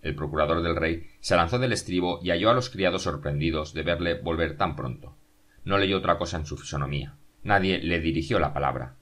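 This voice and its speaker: Deep-voiced male audiobook narrator. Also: fairly quick, a bit bright.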